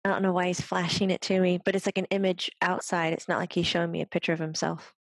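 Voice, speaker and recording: A woman's voice: fairly low pitch, flat delivery, quick pace, dry recording. A woman working as a medium, chatting casually on a podcast and passing on messages in a playful way. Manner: relays messages from the spirit world, chatty and playful.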